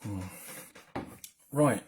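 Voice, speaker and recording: This man mumbles in a low voice, drawing out his words as he chats aimlessly during a livestream where he draws as a comic colorist. He drops in self-deprecating asides along the way.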